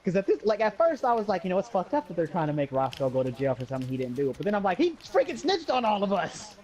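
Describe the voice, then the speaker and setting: A young American man's high, darkish-toned voice swings hugely in pitch as he rushes through a casual story for his friends. He speaks in slang and acts out the dialogue, recorded in dull lo-fi.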